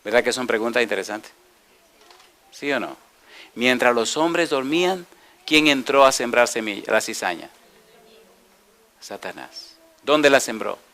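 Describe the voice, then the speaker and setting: Bright-voiced pastor preaching. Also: male voice, medium pitch, lively intonation. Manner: asks the audience questions and answers them himself; reads scripture slowly and deliberately. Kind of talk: sermon.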